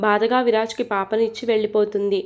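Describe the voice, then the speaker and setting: A woman narrating a romantic story with a steady, expressive reading. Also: medium pitch, fast talker.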